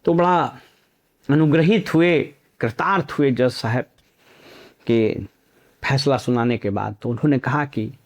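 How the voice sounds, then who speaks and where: A middle-aged man from Bihar, a former civil servant giving storytelling commentary full of proverbs and anecdotes. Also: medium pitch. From Nalanda district, Bihar. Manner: anecdotal, uses proverbs, measured.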